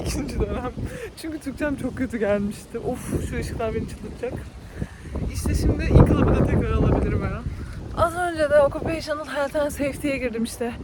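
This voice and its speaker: Student girl in her 20s ranting to her phone cam, a bit high voice, windy noisy street. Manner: exasperated venting, animated. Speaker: university student vlogger. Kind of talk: casual vlog chat. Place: outdoors on campus streets, windy. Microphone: phone camera at arm's length.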